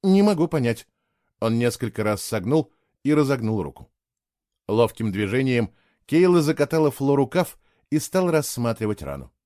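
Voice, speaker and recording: A man reading a novel aloud in a measured, expressive storytelling way. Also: mid-range voice, no echo, studio quality. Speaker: audiobook reader. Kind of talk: scripted narration.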